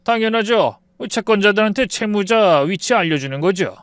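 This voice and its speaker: Man playing a sharp, stern father. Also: high voice, expressive, moderate pace, no echo, clean studio sound, pitched above the performer's own voice. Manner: sharp, firm, formal. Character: stern protective father of the bride.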